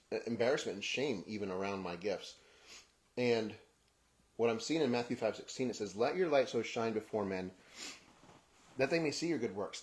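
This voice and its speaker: A podcast host raised in Kenya delivers a reflective personal monologue in a medium-pitched voice. He speaks haltingly, often restarting phrases and letting their ends trail off softly.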